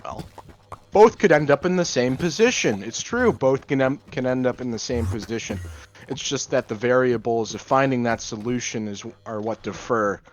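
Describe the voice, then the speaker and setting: A young man doing gameplay commentary in a deadpan monotone, rambling through offbeat musings. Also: medium pitch, moderate pace. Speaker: gaming channel host.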